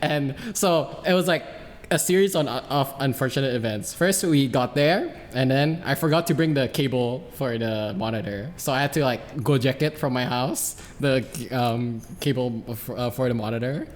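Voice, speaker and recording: A man's voice: mid-range voice, moderate pace. A young man on a casual podcast who tells a story hesitantly, with many fillers. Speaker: podcast co-host.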